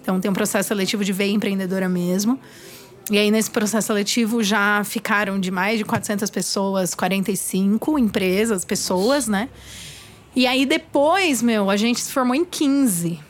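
A woman in casual podcast conversation, frank and quick to laugh, now and then swearing as she explains her company. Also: medium pitch, slight background noise. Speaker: guest, startup founder.

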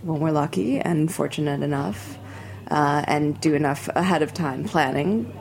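A woman guest on a radio show, chatting casually and quickly about the food events she co-organizes. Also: deep voice, vocal fry, a little mellow. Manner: quick, chatty, many fillers.

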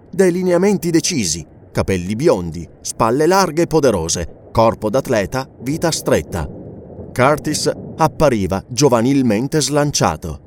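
A man reading an adventure novel aloud as audiobook narrator, with measured, varied storytelling phrasing. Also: medium pitch, a little mellow. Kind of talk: scripted narration.

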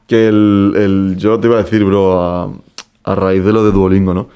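A man's voice: sits low, little pitch movement, moderate pace, warm tone, smooth. A young man co-hosting a podcast, chatting casually, joking and swearing with slang. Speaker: podcast co-host. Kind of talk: casual chat.

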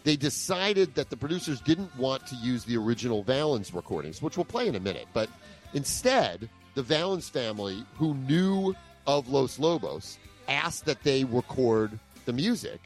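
Podcast co-host: man, casual trivia storyteller, animated delivery. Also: mid-range voice, moderate pace, soft background music. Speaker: co-host of a music countdown podcast. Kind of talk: casual chat.

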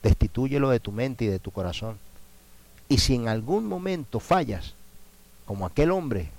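Spanish-speaking male preacher, hushed to fervent. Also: medium pitch, lively intonation, normal speed, low-quality recording. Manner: swings from hushed prayerful tones to loud emphatic cries. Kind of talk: sermon.

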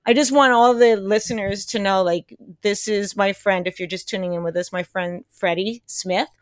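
A woman's voice: mid-range voice, steady tone, normal speed, dry recording. A woman hosting a podcast interview, chatty and encouraging, who talks straight to her listeners. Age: older than her guest. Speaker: podcast host. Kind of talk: casual interview chat.

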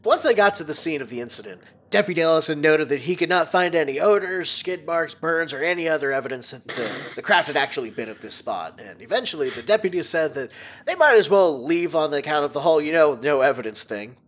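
Husky man telling a story. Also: on the high side, lively intonation, fast, a bit bright. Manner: narrates a case story with dry asides. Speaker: podcast co-host and storyteller. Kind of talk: casual storytelling chat.

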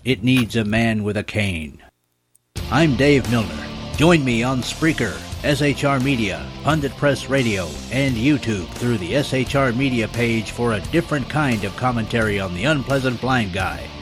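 A man's voice: medium pitch, lively intonation, normal speed. A man reading a scripted, dramatic radio promo in a solemn manner. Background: prominent music.

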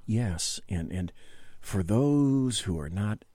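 A man co-hosting a casual political talk show from a small studio. He rambles and restarts, joking at his own expense. His pitch swings up and down freely, and the sound is close and dry. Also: lively intonation, slow pace, warm tone, dry recording. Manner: chatty, self-deprecating, rambling with restarts.

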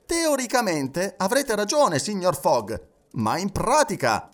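Andrew Stewart, a man doing a high excited gentleman. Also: slow, heavily acted. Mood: doubtful. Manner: agitated, exclaiming. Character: excitable, stubborn male English gentleman gambler.

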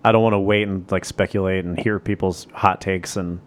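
A man co-hosts a podcast in relaxed, casual chat. His voice sits a little low, and he tells dry jokes in an easy, offhand way. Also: fairly quick. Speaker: podcast co-host.

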